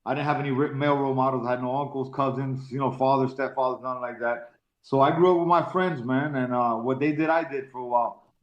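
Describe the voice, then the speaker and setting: A man in his forties from Miami, a professional fighter telling his life story in an interview, in a casual, halting way with many repeated words. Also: mid-range voice, fairly even intonation. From Miami, Florida. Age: 40s. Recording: roomy, dull lo-fi sound.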